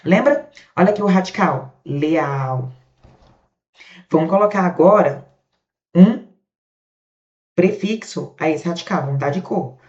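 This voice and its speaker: Speaking a little slowly and pausing often, a woman with a low, slightly mellow voice and a Brazilian Portuguese accent teaches grammar. She asks questions, answers them herself, and casually checks in with the class, in roomy, dull lo-fi audio.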